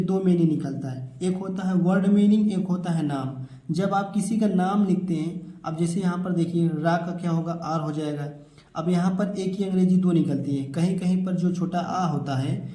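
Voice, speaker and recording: A man explains English spelling rules to children in a patient classroom style. He keeps asking a question and answering it himself. His voice is very dark and mellow, a little higher than most men's, and it sounds echoey, as if recorded in a bare room. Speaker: English teacher.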